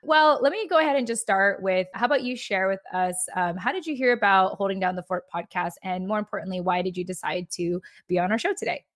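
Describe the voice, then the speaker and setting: A woman's voice: medium pitch, quick pace, few pauses, no room sound, studio quality. A woman in her thirties hosting a podcast, chatting in an upbeat, talkative way with frequent restarts. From United States. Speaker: podcast host. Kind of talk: casual interview chat.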